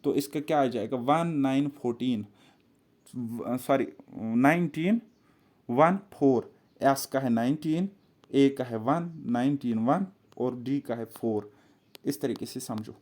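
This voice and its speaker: Working through reasoning puzzles on a board, a male exam-prep teacher speaks in an unhurried, mellow voice of medium pitch. His style is repetitive and methodical, and he keeps testing the viewer with questions.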